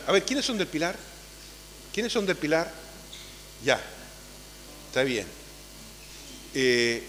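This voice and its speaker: A man, a priest giving a conversational homily at Mass, often tagging his sentences with a questioning "ah?" and calling loudly when he gathers the children. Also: fairly high pitch. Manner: conversational, tags phrases with "¿ah?". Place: church. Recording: long church reverb with faint hum.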